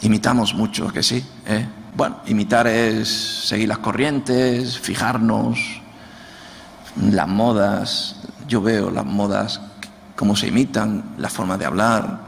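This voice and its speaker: A man's voice: lowish voice, fairly even intonation, slow pace, gravelly. A man, a pastor with an Andalusian accent, preaching a sermon, often repeating words as he searches for them and asking the congregation to answer back. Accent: Andalusian Spanish. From Andalusia, Spain. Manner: asks the congregation for response. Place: church hall. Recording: church hall with long reverb, faint noise.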